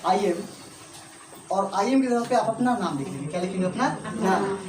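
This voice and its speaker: A man teaching English to his class, speaking with an Indian accent and repeating himself, often checking that his students are following. His voice sits fairly high. The room is echoey and has background noise. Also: lively intonation, moderate pace. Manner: repetitive, checks understanding often.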